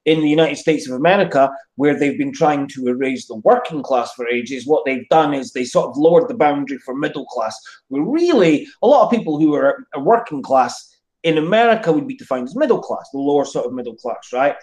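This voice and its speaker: A man's voice: mid-range voice, lively intonation, brisk, a little mellow. A man with a modern British accent giving opinions in casual discussion, emphatic and often checking in with short tag questions. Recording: roomy, echoey sound.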